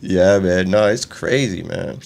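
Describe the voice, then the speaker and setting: A man's voice: sits low, unhurried, gravelly, a little mellow. Chill new york guy hosting a reaction show, slangy, lots of you know what i mean. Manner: laid-back, slangy, many fillers. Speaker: host. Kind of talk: casual reaction chat.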